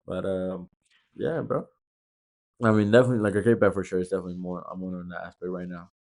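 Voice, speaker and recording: A man's voice: low voice, fairly even intonation, fast talker, a little mellow. A young man co-hosting a podcast, chatting casually in loose slang full of "like". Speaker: podcast co-host. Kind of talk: casual chat.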